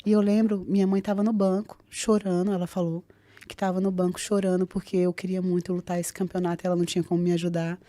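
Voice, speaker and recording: A woman's voice: on the low side, no room sound. A woman, telling a personal story as a podcast guest, acting out the dialogue. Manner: animated, acts out dialogue in quick voices. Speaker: guest, jiu-jitsu fighter.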